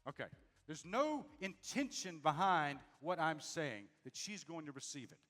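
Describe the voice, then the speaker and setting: Male stage speaker, high voice, upbeat motivational delivery to a live crowd. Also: normal speed, soft background music. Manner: lively, addresses audience directly, asks "make sense?". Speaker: speaker on leadership and communication. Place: stage before a live audience.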